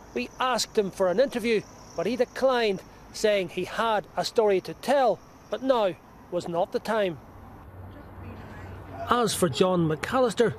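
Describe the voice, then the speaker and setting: A man's voice: sits high, a little hiss or hum. A man narrating a scripted political news report.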